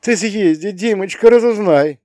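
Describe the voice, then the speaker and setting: A man's voice: high-pitched, moderate pace, darkish tone, dry recording, studio quality, pitched above the performer's own voice, natural voice. A man voicing a frightened middle-aged mother who speaks weakly and pleads in an audiobook. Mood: weak soothing. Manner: weak, wailing, pleading. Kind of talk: audiobook character voice.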